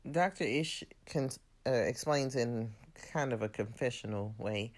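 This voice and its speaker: Speaking a little slowly in a medium-pitched voice, the host recaps a reality TV episode with plenty of opinions. It's loose and chatty, filled with frequent "like" and "you know."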